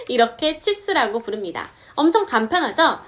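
High, lively woman teaching English. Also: slight background noise. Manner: explains step by step, says English examples slowly. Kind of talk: casual video lesson.

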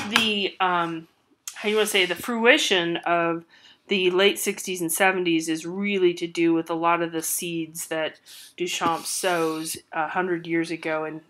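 A woman's voice: on the low side, steady tone, measured pace, a bit bright, slight background noise. A woman giving a recorded art history lecture with hiccups, talking loosely with many fillers and restarts.

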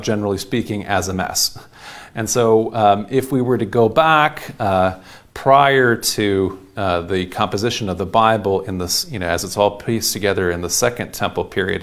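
Man, history lecturer, low voice, rambling, many fillers. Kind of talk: casual lecture.

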